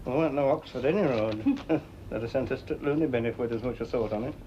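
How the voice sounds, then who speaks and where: An actor as a gruff miner father. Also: medium pitch, expressive, fast talker, dark tone, highs cut off, a little hiss or hum, close to an everyday voice. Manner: blunt, scornful, grumbling with dry laughs. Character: gruff middle-aged miner father, scornful and bitter.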